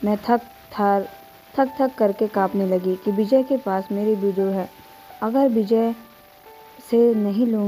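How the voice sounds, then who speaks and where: A woman's voice: mid-range voice, mellow, rough recording. A woman narrating an emotional first-person story in an earnest way, and hosting her story channel.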